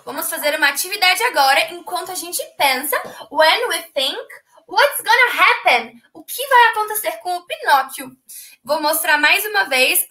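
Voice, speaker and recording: A woman's voice: high-pitched, pushed and bright. A woman teacher telling a children's story in a bilingual lesson, switching between two languages and gasping dramatically. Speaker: English teacher.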